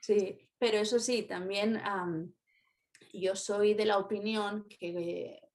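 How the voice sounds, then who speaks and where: A woman's voice: mid-range voice, steady tone, slow pace, a little mellow. A Spanish teacher from Spain, a woman with a Spain Spanish accent, talking in a casual, chatty conversation and often laughing.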